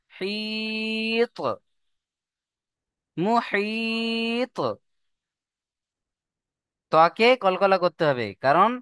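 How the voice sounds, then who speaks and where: Slow, clear-voiced male teacher. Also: fairly high pitch, fairly bright tone, no echo, clean studio sound. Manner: drawn-out sung recitation of example words. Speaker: Quran reading teacher. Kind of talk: slow step-by-step lesson.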